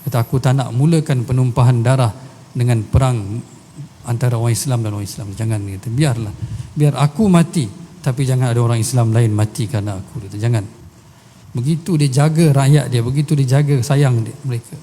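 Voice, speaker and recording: A man's voice: medium pitch, a little fast, mellow. A man with a Malaysian Malay accent giving a mosque lecture, telling stories and reciting Arabic verses, with rhetorical questions to his listeners. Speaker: religious teacher. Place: large mosque hall. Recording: long hall reverb.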